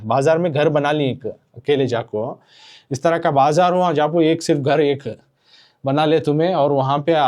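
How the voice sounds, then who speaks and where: Male teacher, slightly high voice, patient repetitive classroom explaining. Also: a little mellow. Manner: explains slowly, repeats phrases, mixes in English.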